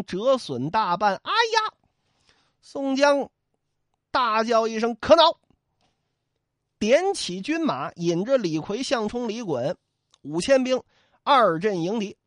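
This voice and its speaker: A man's voice: high voice, no room sound, clean studio sound. A man telling a classic tale in humorous traditional storytelling style, joking with the listener and acting out sound effects. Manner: lively and joking, with mock sound effects and asides.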